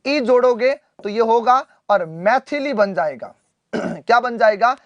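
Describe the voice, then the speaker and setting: Guy teaching a live hindi class online, keeps repeating answers n clearing his throat, dry close sound. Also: very high-pitched, expressive, unhurried, fairly bright tone, no echo, lo-fi sound. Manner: drills answers, repeating them and quizzing students back; addresses students fondly as "beta".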